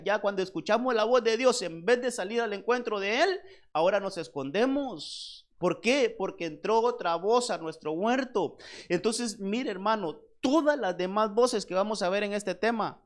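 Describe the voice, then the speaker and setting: A man preaching a sermon as pastor, emphatic, repeating words and often calling the listeners "brother". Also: high voice. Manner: emphatic, slows down on key points.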